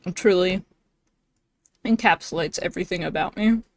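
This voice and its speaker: A woman's voice: lowish voice, normal speed, a little hiss or hum. A young woman streaming live, chatting casually and giggling often, with lots of fillers. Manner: bubbly and giggly, many fillers.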